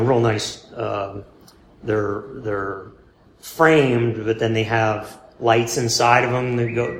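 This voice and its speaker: A man in a casual interview, rambling and halting, with many fillers and restarts, laid-back and self-deprecating. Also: on the low side. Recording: roomy with faint background hum.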